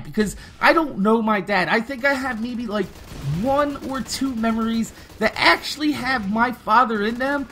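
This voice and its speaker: A man's voice: very high voice, bright, forceful tone, a little hiss or hum. A man, talking casually and candidly over gameplay, rambling and swearing freely. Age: 20s. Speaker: gaming YouTuber.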